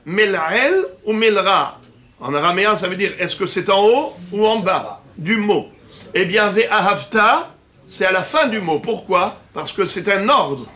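A rabbi teaches a religious lesson with a bright, fairly high man's voice. He explains patiently. He slows down and stresses each Hebrew term he spells out. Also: animated.

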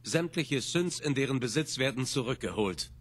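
A man's voice: mid-range voice, expressive, normal speed, slight background noise, close to an everyday voice. A man voicing a stern male security robot in a video game, giving formal, clipped security announcements.

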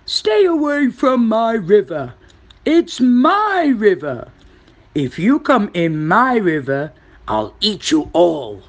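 A woman voicing a big, bossy male crocodile in a children's story, loud and emphatic. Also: fairly high pitch, huge pitch swings, takes it slowly, slightly rough, pitched above the performer's own voice, heavily acted. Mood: bossy, threatening.

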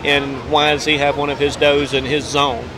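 At a booth in a crowded, noisy indoor trade show hall, a young man who owns a scent company pitches his products into a handheld mic during a casual interview. His voice is on the high side, flat in delivery and at normal speed, yet his manner is enthusiastic and salesman-like, packed with fillers, over background crowd chatter.

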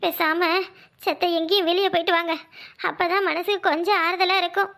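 A woman's voice: extremely high pitch, steady tone, brisk, bright, forceful tone, heavily acted. A woman voicing a caring, motherly village housewife in a cartoon, speaking in a soothing, pleading way. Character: kind caring village housewife, middle-aged. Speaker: cartoon voice actor. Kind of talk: cartoon voice acting.

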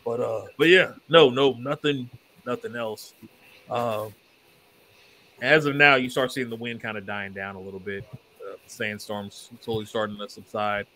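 Bright-voiced man running a tabletop game. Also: mid-range voice, fairly even intonation, moderate pace, slight background noise, low-quality recording. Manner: laid-back, loose storytelling. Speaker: dungeon master.

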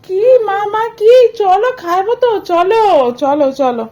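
High-voiced Bengali mother coaxing a toddler. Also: animated, measured pace, darkish tone, lo-fi sound. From India. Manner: coaxing, sing-song talk to a small child. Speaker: vlogger and mother. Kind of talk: casual home vlog talk to a toddler.

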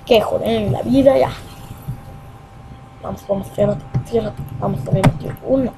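Young peruvian dude gaming and talking, kinda high voice, excitable, swears a lot, noisy room with cars going by. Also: male voice, normal speed, gravelly. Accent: Peruvian Spanish. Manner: excitable, swears and mutters repeated words. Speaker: gamer. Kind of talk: gameplay commentary.

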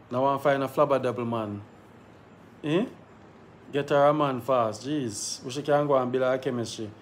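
Jamaican man hosting a call-in show. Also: medium pitch. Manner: patois-heavy, laughing banter. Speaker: live show host. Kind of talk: casual live call-in chat. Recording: faint background noise.

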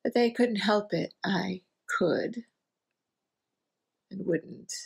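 A sardonic, self-mocking middle-aged drinker, played by an actress in a stage monologue. She talks slowly and deliberately, with long pauses and a husky, gravelly edge to her voice. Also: medium pitch, exaggerated voice. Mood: wry. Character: wry hard-drinking middle-aged woman. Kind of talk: theatrical monologue.

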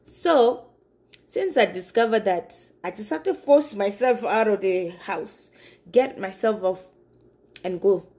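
A woman's voice: medium pitch, animated, slow, mellow. Chatty woman vlogging in an echoey kitchen. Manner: upbeat, chatty, addresses viewers as guys. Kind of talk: casual chat to camera. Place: home kitchen, indoors. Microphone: phone camera on a counter. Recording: echoey room.

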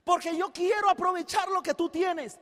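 Man, very high voice, lively motivational speaker acting out stories; reverberant hall. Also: moderate pace. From Costa Rica. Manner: animated, acts out dialogue, often shouts. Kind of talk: energetic stage storytelling. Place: large hall before a live audience. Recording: echoey hall with long reverb.

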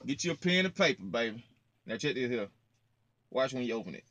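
A man's voice: medium pitch, big pitch swings, fairly quick, a bit bright, no echo. Slangy, playful young man in a truck. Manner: slangy, playful, talks straight to viewers. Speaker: trucker vlogger. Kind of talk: casual vlog chat. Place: parked truck cab, indoors, small.

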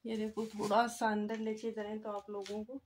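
In a mid-range, darkish voice with flat delivery and a moderate pace, a young woman chats through a walking tour of an old empty brick house, inside and out. She films on a phone at arm's length, leaning on filler phrases and speaking to viewers like friends. Slight background noise is present.

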